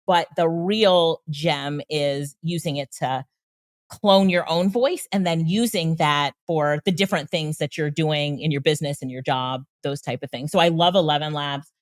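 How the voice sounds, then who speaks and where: In studio-quality audio with no room sound, a woman with a low voice speaks at a moderate pace. She's an AI trainer and consultant guesting on an interview show, where she chats casually, explains tools with enthusiasm, and laughs frequently.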